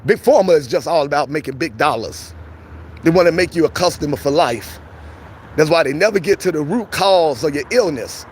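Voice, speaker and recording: A man with a fairly high voice that has gone hoarse talks to people outdoors on a city street. He greets them with upbeat slang and keeps the chat loose and friendly. A faint hum of city noise sits behind him. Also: animated, brisk. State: losing his voice. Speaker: street vlogger.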